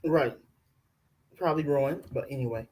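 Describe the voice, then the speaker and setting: A man in his forties co-hosts a podcast recapping a reality show, keeping the commentary casual and laid-back with wry jokes and plenty of "like." His voice is medium-pitched and a little mellow, at a moderate pace. The audio quality is poor.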